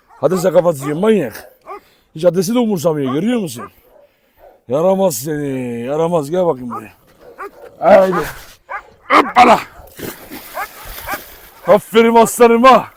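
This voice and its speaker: A man vlogging outdoors by a pool, coaxing, teasing and scolding his dogs while chatting to viewers. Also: sits high. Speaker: dog owner vlogger. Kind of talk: casual vlog talk to dogs and viewers.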